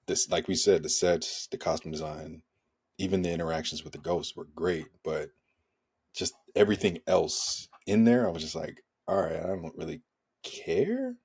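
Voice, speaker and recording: A man's voice: low-pitched, steady tone, moderate pace, a little mellow, husky. A man co-hosting a casual film discussion, laid-back and laughing at his own jokes. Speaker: podcast co-host.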